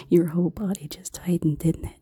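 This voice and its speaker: Woman playing a slow, dark-toned succubus who whispers low and breathy, with faint music behind. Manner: slow, teasing, commanding. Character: seductive, menacing female succubus. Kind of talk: erotic audio roleplay.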